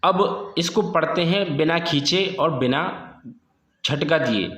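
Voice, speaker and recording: Man spelling syllables slowly, roomy echo. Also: a little high, fairly bright tone. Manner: patient, repeats syllables slowly and drawn out for the learner. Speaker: Quran reading teacher. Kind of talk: slow spelled-out recitation lesson.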